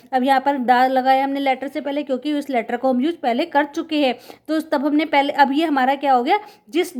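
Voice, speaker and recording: A woman teaching a school English lesson, explaining patiently in a mix of Hindi and English, reading example sentences very slowly and asking and answering her own questions. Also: high voice, darkish tone. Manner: addresses pupils as children, asks and answers her own questions. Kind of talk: recorded class lesson.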